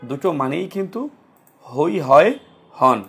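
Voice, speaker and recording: Guy teaching korean grammar, really slow, raspy fry in his voice, asks and answers his own questions. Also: fairly high pitch, animated, fairly bright tone, soft background music. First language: Bengali. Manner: explains slowly, asks rhetorical questions and answers them. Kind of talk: classroom grammar lesson.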